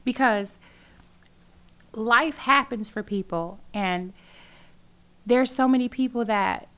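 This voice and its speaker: Speaking slowly in a fairly high, fairly bright voice, a woman in her forties gives a casual interview as a guest. She's a community organizer whose earnest, emphatic storytelling leans on repeated phrases for weight.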